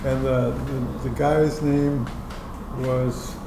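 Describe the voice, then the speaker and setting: A man's voice: mid-range voice, little pitch movement, very slow. A man telling a rambling, chuckling story about the show he produces, chatting at a dinner meeting. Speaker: public-access show producer. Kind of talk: casual chat at a dinner meeting. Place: dinner gathering indoors. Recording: echoey room, background noise.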